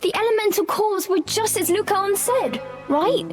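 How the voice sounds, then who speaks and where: A woman's voice: very high-pitched, moderate pace, faint music behind. A woman voicing a young girl witch, earnest and a little shy, in a storybook game.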